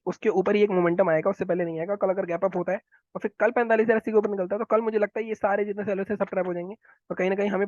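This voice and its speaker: Fast, high-voiced male market analyst. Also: darkish tone, dry recording, lo-fi sound. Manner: rapid, instructive, repeats phrases. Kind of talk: chart analysis walkthrough.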